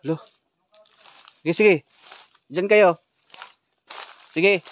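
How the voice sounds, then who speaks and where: A man's voice: high voice, fairly even intonation, very slow, dry recording. A man on a ghost-hunting vlog, urgently giving tense commands to his companions outdoors in a forest. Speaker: ghost hunter.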